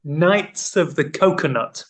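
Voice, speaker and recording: A man with a fairly high voice, speaking slowly and a bit loudly, hosts a quiz as a podcast co-host in casual comedic chat. He plays the playful quizmaster, teasing and joking his way through the banter.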